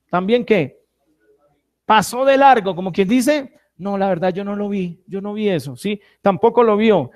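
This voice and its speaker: A man preaching a sermon to a church congregation, asking questions and having them answer, swinging between loud and soft phrases. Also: high voice. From Colombia. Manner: preaching with call-and-response to the congregation. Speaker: pastor.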